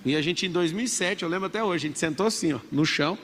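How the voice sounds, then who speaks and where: A man's voice: a little high, quick pace, fairly bright tone. A man in his thirties with a Brazilian Portuguese accent giving an emphatic motivational talk to a live audience in a large event hall. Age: 30s. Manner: emphatic, preachy, has the crowd repeat after him. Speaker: motivational speaker. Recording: reverberant event hall with faint background noise.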